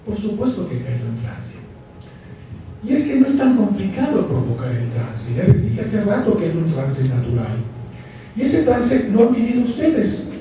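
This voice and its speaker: A man's voice: sits high, mellow. A man giving a live conference lecture, joking and asking the audience questions. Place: large lecture hall. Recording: echoey hall, mic far off, faint hiss.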